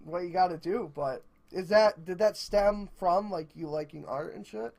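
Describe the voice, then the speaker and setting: A young man with a rather high, light voice leads a loose, casual interview among friends. He talks bluntly and states strong opinions, with casual swearing mixed in. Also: moderate pace, creaky, crowd noise. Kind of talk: casual chat.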